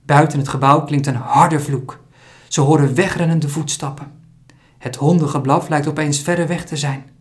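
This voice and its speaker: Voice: medium pitch, fairly even intonation, moderate pace. Rustige verteller van een voorleesverhaal. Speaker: narrator. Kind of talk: scripted storybook narration.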